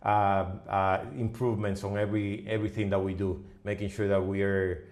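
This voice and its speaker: A middle-aged man from the Dominican Republic with a fairly low voice, talking as a guest on a business podcast. He speaks haltingly, restarting phrases and filling pauses as he works through his thoughts. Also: flat delivery, a little mellow. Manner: halting, many fillers and restarts. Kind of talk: podcast interview.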